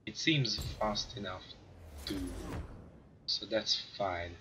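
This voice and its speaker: A man with a cold, hoarse and raspy, rambling through casual gameplay commentary as a gaming video host and clearing his throat now and then. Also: fairly low pitch, slow, background noise. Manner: rambling, self-mocking, clears throat often.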